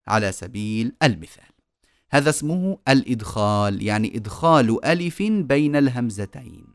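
Lively-voiced man teaching recitation. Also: mid-range voice, dry recording, studio quality. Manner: explains patiently, slows down to model sounds. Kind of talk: recorded online lecture.

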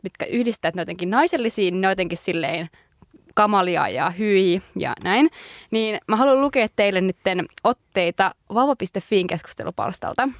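A woman's voice: medium pitch, dry recording. Reflective woman, dry close podcast mic. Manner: reflective, hedging with many fillers. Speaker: podcast co-host. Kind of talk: casual podcast conversation.

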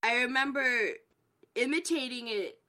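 A woman's voice: sits high, moderate pace, bright, forceful tone. An Australian woman co-hosting a podcast, chatting and giggling, often talking over the others. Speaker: podcast co-host. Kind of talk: casual chat.

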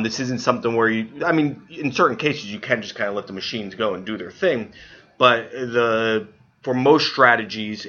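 Hungover guy on a podcast, lowish voice, explaining stuff haltingly, kinda dull lo-fi audio. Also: pushed and bright. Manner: halting, filler-heavy, hedging. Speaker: podcast co-host and editor. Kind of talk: informal explanation.

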